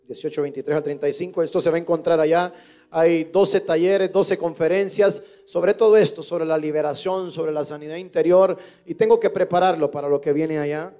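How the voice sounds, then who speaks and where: A man's voice: on the high side, fairly even intonation, brisk, mellow. A male pastor preaching a sermon at a church service, often putting questions to the congregation.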